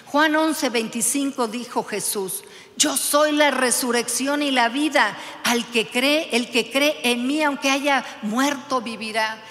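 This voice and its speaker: A woman's voice: high-pitched, slow, a bit bright, long reverb tail. A woman pastor preaching a sermon, fervently urging her congregation with direct questions.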